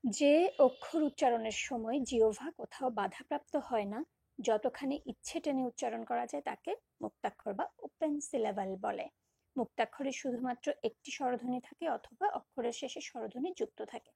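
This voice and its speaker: A woman's voice: on the high side, fairly quick, creaky, mellow, breathy edge, no room sound, clean studio sound. A woman teacher giving a recorded lecture, patiently repeating examples and drawing out single syllables. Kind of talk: recorded lecture on poetic meter.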